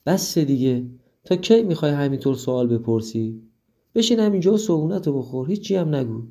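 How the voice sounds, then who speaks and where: A man's voice: fairly high pitch, lively intonation, gravelly, voice pushed up. A man voicing a sick, irritable mother in a children's story, snapping impatiently. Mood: irritated. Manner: sharp and impatient.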